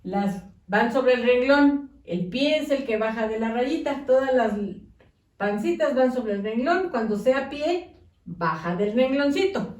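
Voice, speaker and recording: A woman teaching young children to write, dictating slowly and patiently, with a coaxing manner and many diminutives. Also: on the high side, expressive, darkish tone, echoey room, recorded from a distance. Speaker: primary school teacher.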